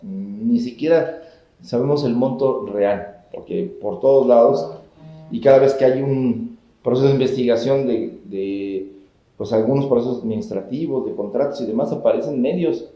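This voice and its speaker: A middle-aged man from Mexico, a government communications official, giving steady, explanatory answers in an interview, building his points as lists. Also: medium pitch, moderate pace. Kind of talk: measured political interview answers. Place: indoor office with wooden cabinets. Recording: roomy, slightly dull office sound.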